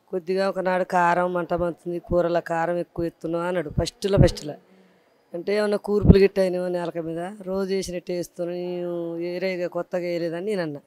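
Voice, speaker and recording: A woman's voice: lowish voice, darkish tone. A woman with a Telangana Telugu accent, a patient's wife recounting events plainly and politely to an interviewer. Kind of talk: casual interview.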